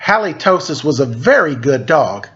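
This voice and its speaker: At story time, a man with a medium-pitched, fairly bright voice and big pitch swings reads a picture book aloud. He is playful and takes his time, stopping to chat about the pictures, and the recording's highs are cut off.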